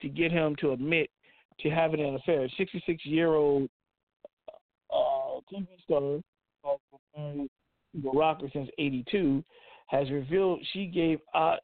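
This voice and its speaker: Guy ranting casually on a podcast, swears a lot, kinda high voice, tinny dry sound like a phone. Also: dry recording. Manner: loose, profane, repeats himself. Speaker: podcast host. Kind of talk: casual commentary on news.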